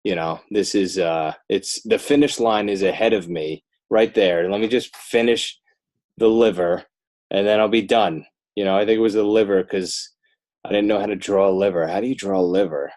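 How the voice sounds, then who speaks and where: Speaking at normal speed in a lowish, darkish voice with a steady tone, a northern New Jersey man chats casually as a podcast interview guest. The author and illustrator rambles and cracks self-deprecating jokes.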